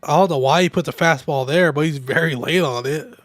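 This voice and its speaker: A man's voice: on the high side, fairly quick, a bit bright, no echo. A young man chatting loosely and swearing while streaming a baseball video game, a bit drunk and with a sore throat. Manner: loose, profane, rambling while playing. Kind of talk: casual gaming livestream chat.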